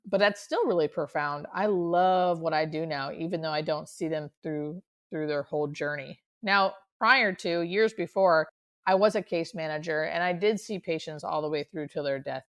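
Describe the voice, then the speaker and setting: Woman, hospice nurse in conversation. Slightly low register, plenty of fry, earnest and reflective delivery. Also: moderate pace. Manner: earnest, reflective, with frequent emphatic repetition. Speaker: hospice nurse, interview guest. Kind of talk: conversational interview answers.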